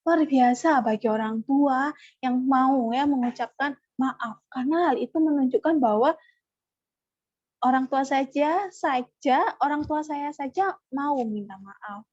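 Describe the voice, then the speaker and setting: A woman leading an online parenting workshop, animated and acting out parent-child dialogues. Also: high voice, measured pace, no room sound, dull audio. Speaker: parenting trainer.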